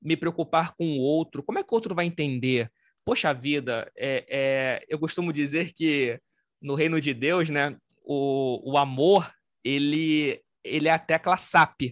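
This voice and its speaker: A man from Rio de Janeiro with a Carioca accent, hosting a podcast in an expansive, animated conversational manner. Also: fairly high pitch, unhurried, no echo. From Rio de Janeiro, Brazil. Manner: expansive, talks with his hands. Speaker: podcast host.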